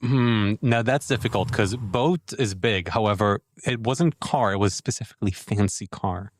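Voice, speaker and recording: A man co-hosts an improvised comedy show, cutting in with wry, pedantic quips. His voice sits a little low. It is recorded dry, with no room sound. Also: normal speed, no echo. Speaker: co-host of a comedy morning show.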